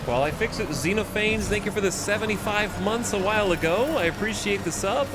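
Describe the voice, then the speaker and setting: A man's voice: high voice, animated, brisk, over loud music. A man streaming a game on a headset mic, chatting playfully with his chat and thanking viewers. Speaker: livestreamer. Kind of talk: casual gameplay commentary to chat. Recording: loud game sounds behind voice. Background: loud game noise and vehicle sounds.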